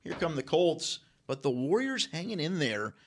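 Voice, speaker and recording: A man giving emphatic, opinionated high school football analysis in a studio. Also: very animated, normal speed. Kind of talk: sports analysis.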